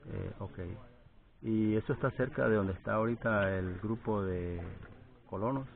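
A man's voice: on the low side, normal speed, creaky. A male interviewer asking short questions hesitantly, with many fillers. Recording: distant, tinny, with crowd noise.

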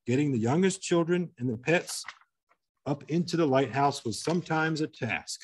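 A man, working as a museum curator, giving a slide lecture in an auditorium, reading an old article aloud with pauses and restarts. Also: fairly high pitch, slight background noise. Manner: reads with pauses and restarts, chuckles at anecdotes.

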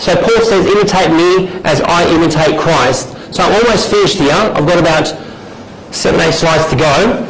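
A man's voice: a little high, normal speed. A middle-aged man from Romania, earnestly teaching a discipleship class and often restarting his sentences. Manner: earnest, restarts a lot, gestures while standing. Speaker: discipleship trainer. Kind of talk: teaching talk with stories. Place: small indoor meeting room. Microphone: far camera. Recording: echoey room with background noise.

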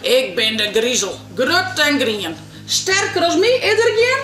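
A woman voicing a gruff, menacing big green monster in a children's storybook, speaking slowly in a lowered voice. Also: wildly swooping pitch, fairly bright tone, reverberant, soft background music, heavily acted.

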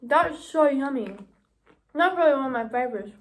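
A woman's voice: high-pitched, lively intonation, a little fast. A young woman vlogger in casual taste-test chat, talking enthusiastically with her mouth full of candy. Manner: chatty, enthusiastic, laughs easily.

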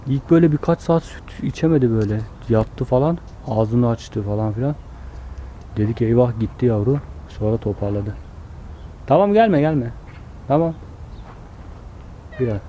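A man's voice: medium pitch, normal speed, dark tone, a little hiss or hum. A man vlogging from outdoors in a zoo enclosure, chatting casually and soothing the animals as he films. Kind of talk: casual narration while filming animals.

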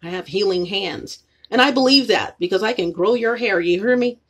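Her medium-pitched voice is animated, a bit bright and breathy as she rambles at normal speed to her viewers, repeating herself. She's vlogging inside her apartment on a phone camera pointed at the ceiling.

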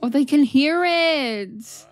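A woman's voice: high voice, expressive, slow. A woman hosting an anime reaction video, gushing, exclaiming and swearing casually as she watches.

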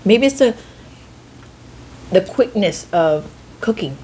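A woman's voice: medium pitch, expressive, slow pace, mellow, slight background noise. An American woman hosting a casual chat over a meal, rambling and correcting herself as she explains. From United States. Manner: rambling, self-correcting, hedges often. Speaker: host.

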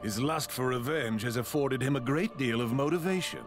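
A man voicing an aloof, languid cat-like god in a video game, speaking in a measured, appraising way. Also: medium pitch, soft background music, natural voice. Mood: musing.

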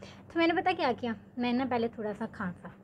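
Young woman vlogger, slightly high pitch, animated casual storyteller who leans on filler words. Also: brisk, dull audio, a little hiss or hum. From Pakistan. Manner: chatty, animated, peppers speech with filler words.

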